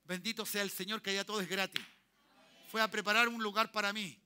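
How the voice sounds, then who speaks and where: Chilean pastor guy preaching in church, very high bright voice, keeps asking the crowd if they get it. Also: fairly even intonation, brisk, clean tone. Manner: checks in with the congregation constantly; leads call-and-response, tells listeners to repeat. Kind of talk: sermon.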